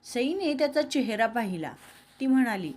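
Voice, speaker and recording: A woman's voice: on the high side, sing-song, normal speed, darkish tone. A woman reading a romantic serial story aloud, voicing every character in her own voice. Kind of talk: scripted story narration with dialogue.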